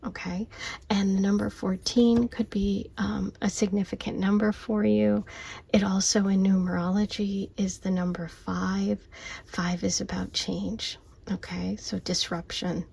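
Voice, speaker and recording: A woman reads cards in a soft, mostly unvoiced whisper so she won't wake anyone at home. Her voice is husky and gravelly, and she sounds intuitive and reassuring as she checks in with "okay" and "right". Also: medium pitch, little pitch movement, measured pace. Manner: whispering softly, often unvoiced. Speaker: tarot and oracle card reader. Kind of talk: casual spiritual card reading. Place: home at night, lamp light.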